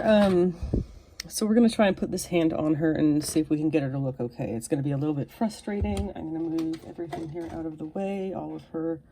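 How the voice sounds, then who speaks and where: A woman's voice: low-pitched, dark tone, slight background noise. A woman reviewing and unboxing a collectible figure in casual, self-deprecating chat, drifting into whispers while she fiddles with it. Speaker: toy reviewer.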